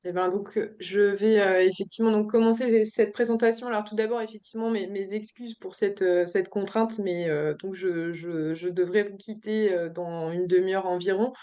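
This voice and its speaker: A woman from presents remotely at a conference, hesitating often and restarting her phrases. Her voice comes through a dull, lo-fi video call line. Her pitch is middling. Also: fairly even intonation, normal speed, hardly any pauses, warm tone, clean tone. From France. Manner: hesitant, many fillers and restarts.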